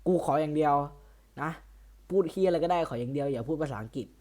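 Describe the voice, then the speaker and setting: A man's voice: a little high, quick pace, a little mellow. A man running a roleplay server, interviewing players over voice chat in a blunt, crude, teasing way. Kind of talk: casual voice chat.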